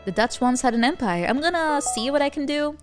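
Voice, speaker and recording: A woman's voice: sits high, lively intonation, fairly quick. A woman livestreamer chatting casually while gaming, in a playful, cute anime-streamer manner. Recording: music playing behind the voice. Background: music.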